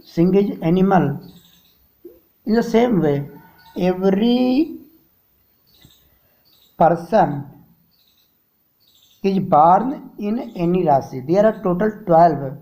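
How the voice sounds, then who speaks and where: A male teacher with an Indian English accent talks through a story for his students, reading a sentence and then glossing its words in plain terms. His voice sits high and mellow. He moves slowly, pausing often with fillers. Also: expressive, poor audio. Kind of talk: lesson explaining a story line by line.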